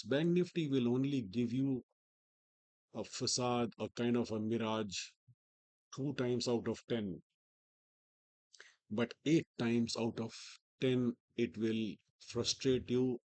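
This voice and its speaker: A man with an Indian accent and a sore, swollen-sounding throat gives informal trading commentary in halting, deliberate short phrases, his voice strained and limited in volume. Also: medium pitch, darkish tone, no echo. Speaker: market analyst host.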